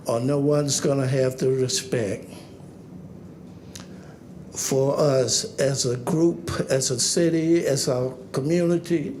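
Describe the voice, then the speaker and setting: A man speaking as a new councilman, giving a plain-spoken public speech in short, halting phrases. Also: medium pitch, darkish tone, a little hiss or hum. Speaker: newly sworn city councilman.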